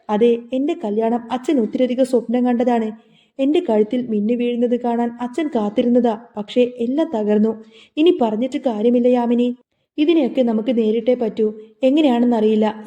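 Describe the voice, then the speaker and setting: Bright-voiced woman retelling a serial. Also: fairly high pitch. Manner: storytelling narration, reading out the characters' lines. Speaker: serial recap narrator.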